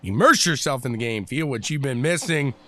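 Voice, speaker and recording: A man calling a sim-racing event live, chatty and excitable, hollering between calls. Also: mid-range voice, a little fast, slight background noise. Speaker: race commentator.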